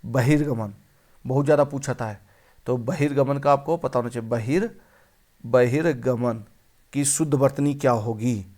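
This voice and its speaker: A man's voice: mid-range voice, normal speed, a little mellow. A male teacher running an exam-prep spelling lesson, repeating each word and quizzing the viewer.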